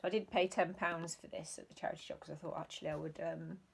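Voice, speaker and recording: A woman's voice: sits low, fairly even intonation, fast, creaky, a little hiss or hum. A woman chatting casually about her resale finds, rambling and hesitant with many ums. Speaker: reseller vlogger. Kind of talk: casual chat.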